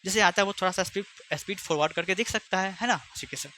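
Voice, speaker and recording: Bright-voiced chatty maths teacher. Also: male voice, high-pitched, fast, slight background noise. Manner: chatty, teasing, speaks both sides of a pupil dialogue. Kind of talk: online class lesson with imagined student back-and-forth.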